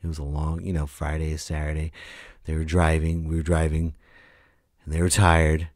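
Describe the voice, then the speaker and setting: His bass voice is completely flat in delivery, a little mellow, at a moderate pace, captured in a dry, studio-quality recording. A man in his late thirties hosting a solo podcast, he rants and tells stories casually, bluntly and emphatically, swearing and performing quotes.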